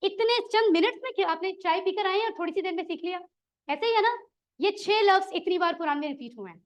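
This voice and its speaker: A woman's voice: very high voice, expressive, fast. A woman teaching a Quran Arabic class, encouraging her students and quizzing them. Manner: encouraging, asks the class questions. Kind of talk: classroom lesson.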